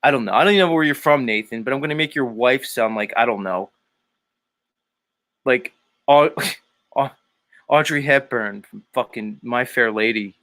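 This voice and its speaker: A man's voice: medium pitch, normal speed, pauses often, a bit bright, no room sound. Crude, mocking male streamer. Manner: crude, mocking, laughs often. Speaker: streamer host. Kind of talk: casual livestream chat.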